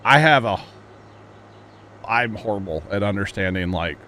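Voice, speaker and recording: A Missouri man in his mid-thirties, voice on the low side and sharp in tone, speaks expressively at normal speed while livestreaming a farming game, with slight background noise. He's joking, teasing friends, and chatting with many fillers.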